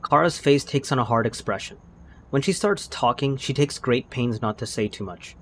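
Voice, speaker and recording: A man's voice: mid-range voice, normal speed, a bit bright, slight background noise. A man co-hosting a casual game playthrough, narrating scenes and teasing with hesitant phrasing. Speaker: co-host guiding and narrating a game.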